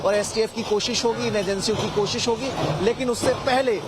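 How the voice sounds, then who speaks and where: On-site male correspondent, high voice, urgent live report, traffic noise. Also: fairly even intonation, a little fast. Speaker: field correspondent. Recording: loud outdoor traffic noise.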